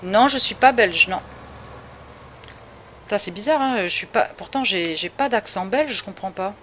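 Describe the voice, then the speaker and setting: Streaming a game live, a Parisian woman with a Paris French accent chats casually, responding to chat viewers and laughing a lot. She has a mid-range, animated, somewhat bright voice at a moderate pace, with slight background noise.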